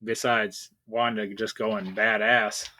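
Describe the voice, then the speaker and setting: Eager, bright-voiced podcast man. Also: fairly low pitch, flat delivery, takes it slowly. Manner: eager, laughs easily. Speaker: podcast co-host. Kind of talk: casual chat.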